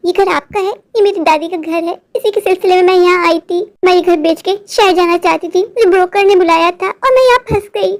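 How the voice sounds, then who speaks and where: A woman voicing a witch who poses as a stranded young woman, coaxing and insistent, in an animated horror story. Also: very high-pitched, brisk, few pauses. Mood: pleading sweetly. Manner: coaxing and insistent, turns menacing.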